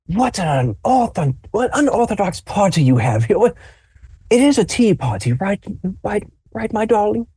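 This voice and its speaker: A man doing a doting old grandfather, high and quavering. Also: big pitch swings, moderate pace, dark tone, husky, no room sound, full character voice. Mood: fussy. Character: kindly half-blind old grandfather, hard of hearing.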